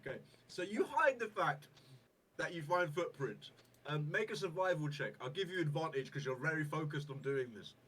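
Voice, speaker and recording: A man's voice: on the high side, expressive, moderate pace, sharp tone. A man narrating as game master of a tabletop game in a playful, often laughing way. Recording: distant mic with faint background noise.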